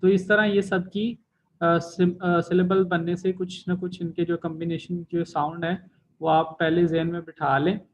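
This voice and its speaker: A man's voice: high voice, level tone, a little slow, poor audio. A man teaching a language lesson, explaining each step patiently with frequent fillers.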